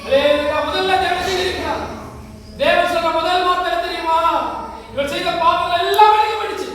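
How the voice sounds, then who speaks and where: A woman's voice: very high-pitched, fairly even intonation, brisk, noisy background. A woman preacher giving a fervent sermon, often saying hallelujah and asking the congregation questions. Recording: echoey hall, voice far from the mic.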